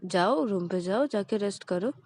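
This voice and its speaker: A woman's voice: mid-range voice, animated, normal speed. A woman voicing a strict middle-aged mother who scolds and orders. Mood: soothing. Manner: loud, scolding.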